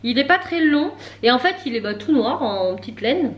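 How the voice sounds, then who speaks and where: Filming a casual chat vlog from her car, a woman in her thirties laughs at herself as she talks at a normal speed. Her voice is high-pitched with big swings in pitch, and the recording sounds muffled.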